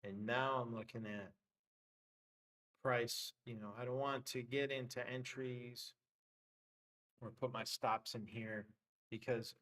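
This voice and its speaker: A man's voice: medium pitch, a bit bright, poor audio. A man hosting a live trading stream, talking loosely through his charts with many fillers, his voice getting worn. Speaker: trading livestream host. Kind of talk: casual live trading commentary.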